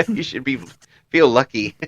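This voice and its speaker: A man's voice: mid-range voice, animated, measured pace, dry recording, dull audio. A man hosting a casual interview, chuckling often and repeating words as he frames his questions. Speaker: interview host.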